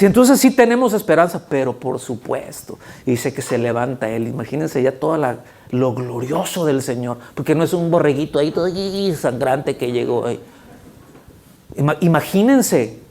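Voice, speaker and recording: A man preaching a sermon in a church, talking to the congregation in an animated, conversational way and often checking that they follow him. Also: on the high side. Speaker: pastor. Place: church sanctuary.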